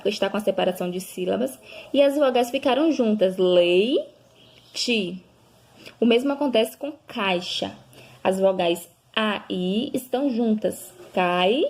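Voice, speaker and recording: A woman's voice: a little high, a little mellow. Patient woman teaching children. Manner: slow, patient, drawing out example words syllable by syllable; checks in with listeners often. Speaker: primary school teacher. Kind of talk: recorded review lesson for children.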